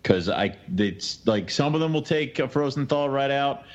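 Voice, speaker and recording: A man hosts a podcast in a loose, informal chat style. His voice sits at a middling pitch, and the audio is a little dull and lo-fi. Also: lively intonation, normal speed. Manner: informal, colloquial. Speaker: podcast host.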